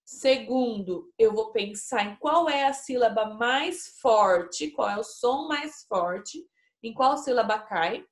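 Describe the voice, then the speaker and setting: Brazilian lady teacher, bit high voice, slow patient explaining to kids, echoey classroom sound. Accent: Brazilian Portuguese. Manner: patient, slow and explanatory, addresses pupils, checks with "né?" and "tá?". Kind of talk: recorded remote class lesson. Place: classroom with a whiteboard. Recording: echoey room.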